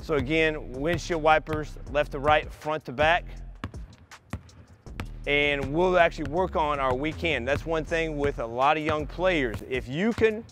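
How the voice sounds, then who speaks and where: A middle-aged man coaching basketball, calmly explaining drills step by step to young players in a large empty indoor arena. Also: a little high, a little slow, soft background music. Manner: patient step-by-step explaining to kids. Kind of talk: instructional clinic demonstration.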